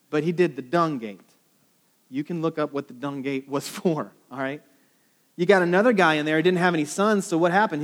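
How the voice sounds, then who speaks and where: A man preaching a sermon to a congregation in a casual, joking way, often checking in with "right?". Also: a little high. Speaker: pastor.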